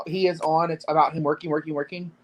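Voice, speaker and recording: A woman's voice: low-pitched, little pitch movement, fast talker, darkish tone, poor audio. A woman co-hosting a casual movie chat, joking emphatically and acting out what she would say. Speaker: co-host.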